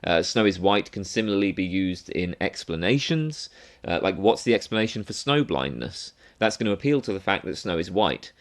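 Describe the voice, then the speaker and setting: Man, very low voice, philosophy lecture, thinks aloud, restarts, asks "right?" often. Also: sing-song, moderate pace. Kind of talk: explanatory lecture monologue.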